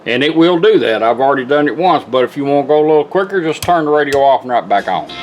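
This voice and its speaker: With radio guitar music playing in the background, a man who restores radios demonstrates a product, explaining the device's controls in a folksy, relaxed way. His mid-range voice is fast with lively intonation, and the audio carries a little hiss or hum.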